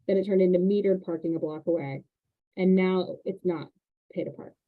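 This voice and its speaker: A woman hosting a casual chat about renting, telling animated stories about parking. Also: lowish voice, normal speed. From Indiana. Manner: chatty, animated storytelling with laughs. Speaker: real estate agent and host. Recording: tinny phone-like line.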